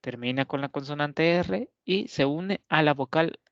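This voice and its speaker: A man's voice: a little high, vocal fry, no echo. Man teaching in a dull dry recording. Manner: measured, explanatory, frequent "¿verdad?" check-ins. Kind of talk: pre-recorded online lecture. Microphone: laptop or webcam mic, camera switched off.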